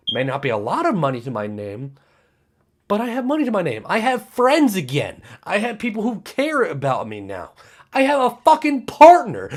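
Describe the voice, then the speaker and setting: A man about to turn twenty-one, a streamer giving an earnest, repetitive personal monologue with plenty of swearing and emphatic repeats. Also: high voice. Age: 20s.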